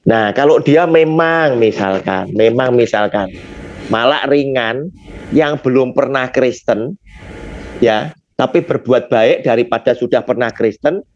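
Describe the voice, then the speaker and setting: A man's voice: medium pitch, slight background noise. A man leading a Bible study, explaining points with rhetorical questions he answers himself and often addressing his listener as sir. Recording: dull lo-fi recording.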